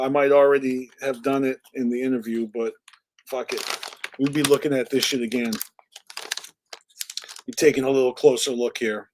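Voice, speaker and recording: A man's voice: mid-range voice, a little hiss or hum. Tipsy, foul-mouthed Boston man. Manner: profane, rambling, laid-back. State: a little tipsy. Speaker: livestream host. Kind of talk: casual live stream chat.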